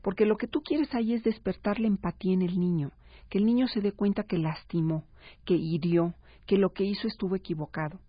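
A woman, a parenting expert speaking as a guest on a radio talk show, explaining calmly and acting out parents and children. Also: mid-range voice, a little fast, slightly rough, no echo. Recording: slightly dull radio broadcast sound.

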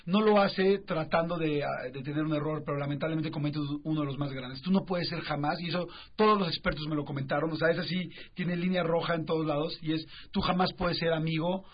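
A man with a Mexican Spanish accent, appearing as an author guest on a radio talk show, explains things animatedly, using rhetorical questions and acting out quotes. His voice is on the high side, steady in tone and slightly rough, and he talks briskly with hardly any pauses. The sound is a dull radio broadcast.

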